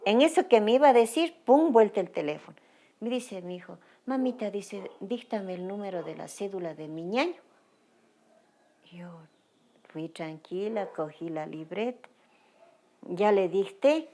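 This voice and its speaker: A woman's voice: mid-range voice, lively intonation, a little slow, dark tone. A middle-aged Ecuadorian woman giving documentary testimony, emotionally retelling events through quoted dialogue. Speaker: victim's mother interviewed.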